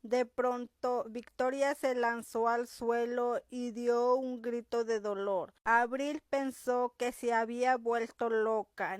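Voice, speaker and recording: A woman narrating a romance audiobook in a calm, measured storytelling manner. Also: on the high side, smooth, no room sound, clean studio sound.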